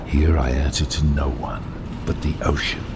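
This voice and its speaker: An actor playing a proud, brooding, self-exiled submarine captain in an audio drama, with grandiose, deliberate, theatrical delivery and a gravelly voice. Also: male voice, very deep voice, little pitch movement, noisy background. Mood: defiant.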